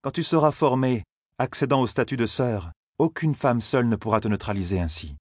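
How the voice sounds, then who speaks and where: A man's voice: mid-range voice, lively intonation, fairly quick, slightly rough, no room sound. A powerful older sorceress ruler speaks with cool, mocking condescension, as a man voices her. The sound is close and dry, in the style of a dramatized audiobook. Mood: stern. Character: stern, powerful older woman leader of a sorcerous order.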